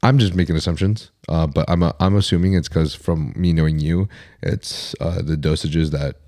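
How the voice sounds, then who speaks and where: A man's voice: low-pitched, steady tone, moderate pace, dark tone. A man hosting a podcast interview, asking his guest questions tentatively with plenty of fillers. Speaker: podcast host.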